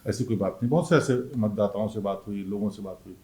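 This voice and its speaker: A man's voice: lowish voice, fast, mellow, slight background noise. A man interviewing conversationally about politics, asking long, winding questions.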